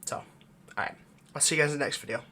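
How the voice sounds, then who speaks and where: Rambling and unsure, a man who produces audio roleplays wraps up with an informal outro chat to his viewers, plugging things along the way. He speaks in a pushed, bright voice on the high side, racing along.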